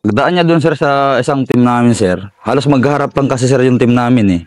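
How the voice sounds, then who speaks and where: A middle-aged Filipino soldier from the Philippines, telling a war story in an interview, deferential and halting with many fillers. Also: male voice, mid-range voice, darkish tone, dry recording. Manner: deferential, says "sir" constantly, halting with fillers. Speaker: soldier recounting combat.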